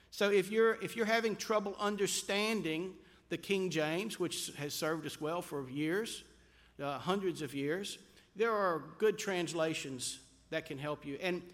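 Slow, high-voiced preaching man. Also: a bit bright, big-room sound. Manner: slow, emphatic preaching with drawn-out words. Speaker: pastor. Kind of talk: sermon.

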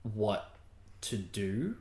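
A man's voice: lowish voice, big pitch swings, extremely slow, mellow. A man co-hosting a casual podcast chat, making blunt, dry remarks and reading off lists. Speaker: podcast co-host. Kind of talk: casual chat about games and films. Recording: echoey room.

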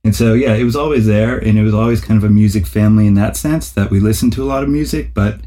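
Man, podcast guest, low pitch, warm mellow voice, relaxed thoughtful talk. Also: fast talker. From United States. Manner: thoughtful, easygoing with fillers. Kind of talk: casual interview.

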